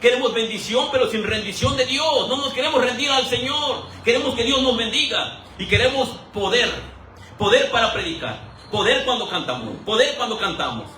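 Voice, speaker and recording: High, bright-voiced preacher in an echoing church. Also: male voice, a little hiss or hum. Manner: animated, rhetorical questions, acts out quoted voices for humor. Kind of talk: sermon. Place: church hall. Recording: roomy echo, voice from a distance.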